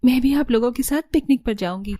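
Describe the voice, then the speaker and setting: A woman's voice: a little high, fast talker, dark tone, soft background music, lightly acted. A woman voicing a timid young orphan bride in a cartoon story, anxious and apologetic. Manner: apologetic, tearful pleading.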